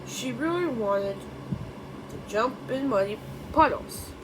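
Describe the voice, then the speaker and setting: Reading a storybook aloud, a woman with a high and very lively voice trips over words, fixes them, and drifts into casual side comments. Her halting, self-correcting reading sits over clearly audible background noise.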